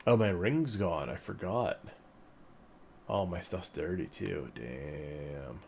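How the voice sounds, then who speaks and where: A man's voice: deep voice, expressive, slow, vocal fry, a little mellow, a little hiss or hum. A young man chatting casually on a live game stream in slangy, profane, laid-back bro talk. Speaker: teacher. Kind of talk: casual live stream chat while gaming.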